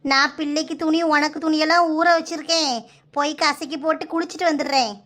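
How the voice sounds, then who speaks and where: A woman's voice: high-pitched, steady tone, fairly quick, fairly bright tone. A woman voicing a fussy, doting older village mother in a cartoon, speaking with a Kanyakumari Tamil accent. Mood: chatty. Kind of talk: cartoon comedy voice acting.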